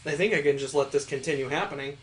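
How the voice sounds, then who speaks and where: Reading a visual novel on stream, this man shifts between story narration and relaxed, chatty remarks. His voice is somewhat high and a bit bright, and he talks fast.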